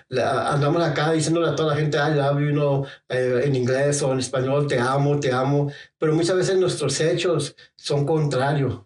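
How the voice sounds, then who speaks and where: Halting preacher in an echoey room. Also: male voice, a little high, a little mellow, distant mic. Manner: halting, repeats "y no" filler, mixes in English phrases. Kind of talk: sermon.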